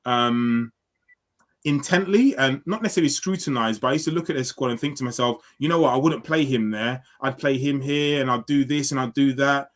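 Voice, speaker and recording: A man's voice: mid-range voice, fairly quick. A man in his thirties from London, answering interview questions in a reflective, casual way with many fillers and restarts. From London, England. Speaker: football guest.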